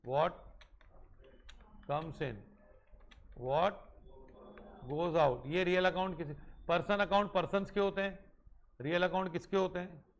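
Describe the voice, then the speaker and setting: Male lecturer, fairly high voice, unhurried classroom delivery that stretches dictated rules out word by word. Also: dull audio. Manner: switches between Hindi and English, dictates rules slowly word by word; lively and teasing with students, pitch rises and falls a lot. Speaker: commerce teacher.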